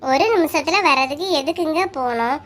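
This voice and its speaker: A performer voicing a gentle, trusting young wife in a cartoon, with a Kanyakumari Tamil accent. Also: high-pitched, brisk. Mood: pleading. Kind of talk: cartoon voice acting.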